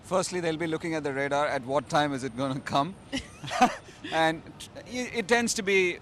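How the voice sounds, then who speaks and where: Male cricket pundit, a bit high voice, hesitant restarts, faint street noise. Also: brisk, a bit bright. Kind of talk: cricket panel chat.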